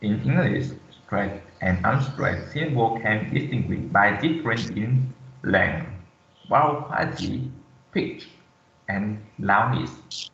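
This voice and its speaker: A man gives his part of a class presentation, stopping and restarting as he goes. His voice is fairly low. The recording is dull and echoes in the room. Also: animated, a bit bright. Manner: halting, with restarts. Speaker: student presenter.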